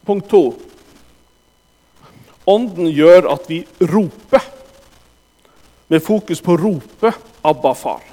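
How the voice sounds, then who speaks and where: A man with a high voice delivers a sermon, stressing his words and turning often to the congregation. His voice carries through a church hall with a long reverb. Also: long pauses, dark tone. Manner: emphatic, addresses the congregation directly. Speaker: preacher.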